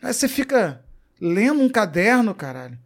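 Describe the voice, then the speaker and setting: A Brazilian man, a comedian guest, telling a story in casual interview talk, profane and animated, acting out what people said. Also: sits high, normal speed. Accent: Brazilian Portuguese.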